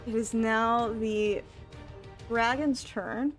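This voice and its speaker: A woman running a tabletop roleplaying game as dungeon master, unhurried and laughing often. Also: on the high side, steady tone, soft background music.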